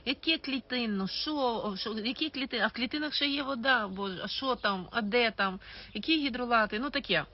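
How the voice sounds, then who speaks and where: A woman chatting on a livestream as an aromatherapy seller, animated and openly sarcastic, laughing often. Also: fairly high pitch, brisk, highs cut off. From Ukraine. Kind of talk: casual livestream talk.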